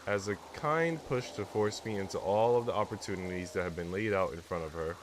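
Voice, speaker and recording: A sick, congested streamer with a deep voice talks fairly quickly over music as he plays a visual novel. He shifts between narrating the text aloud and loose, slangy, rambling chatter.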